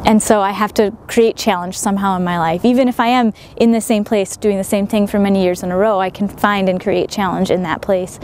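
A woman's voice: mid-range voice, steady tone, brisk, hardly any pauses, a little mellow, a little hiss or hum. Reflective young woman at a marina. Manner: earnest, reflective, with frequent fillers and restarts. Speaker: sailor and writer. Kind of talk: interview answers. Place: outdoors at a marina.

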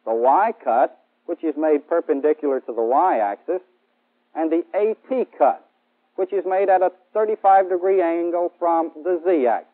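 This 1960s training film features an American man in his thirties as a military instructor giving a formal, methodical lecture on an indoor studio set. His voice is on the high side with lively intonation at a moderate pace, carried by a band-limited vintage soundtrack with phone-like quality.

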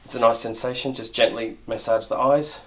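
Talking a little fast in a mid-range, somewhat bright voice with fairly even intonation, a middle-aged barber walks through a trim and shave as he works in a barber shop. He often restarts and repeats words, over slight background noise.

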